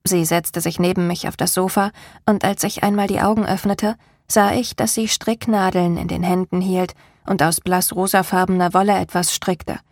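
A woman narrating a novel in the first person, with calm, even storytelling. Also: lowish voice, moderate pace, dry recording, clean studio sound. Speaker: audiobook narrator.

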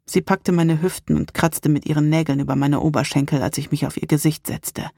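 A woman narrating a first-person erotic story in a calm, intimate reading style. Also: sits low, fairly quick, dry recording, clean studio sound. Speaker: audiobook narrator.

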